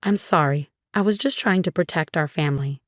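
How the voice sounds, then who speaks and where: A woman's voice: low-pitched, brisk, no echo, studio quality, natural voice. A woman voicing a scheming stepmother who pleads and makes excuses. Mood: pleading.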